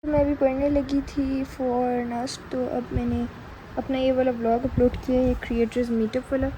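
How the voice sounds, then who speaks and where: A woman's voice: high voice, level tone, normal speed, dark tone, slight background noise, poor audio. A young woman from Pakistan, a student, chatting through a casual vlog voice-over and switching between Urdu and English mid-sentence. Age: young adult. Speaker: student vlogger.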